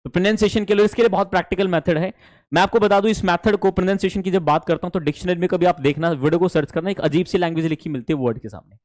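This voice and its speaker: A young adult man with an Indian accent, teaching an online spoken English class in an animated way and mixing English phrases into Hindi. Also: sits high, rapid-fire, no echo, clean studio sound.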